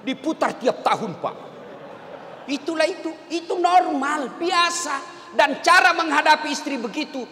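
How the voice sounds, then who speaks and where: A man preaching a humorous sermon, animated and jokey, jumping from loud outbursts to low murmurs. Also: a little slow, a little hiss or hum. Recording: long hall reverb.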